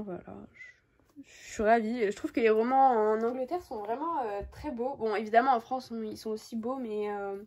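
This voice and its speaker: A young woman with a slightly high voice talks casually to camera about her latest books. She hesitates often and restarts her sentences, keeping a relaxed, chatty flow. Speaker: book YouTuber. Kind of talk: casual book haul chat.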